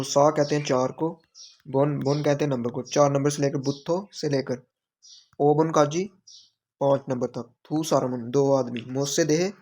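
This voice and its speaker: A man's voice: a little high, darkish tone. A man teaching a language lesson, patiently explaining exam questions and repeating phrases and word meanings.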